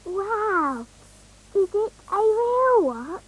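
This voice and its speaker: A woman's voice: extremely high pitch, sing-song, very slow, dry recording, exaggerated voice, rough recording. A woman voicing a sweet, eager little fairy princess in a children's cartoon, curious and childlike, with a British accent. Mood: cheerful. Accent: British English. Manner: curious, childlike, wide-eyed.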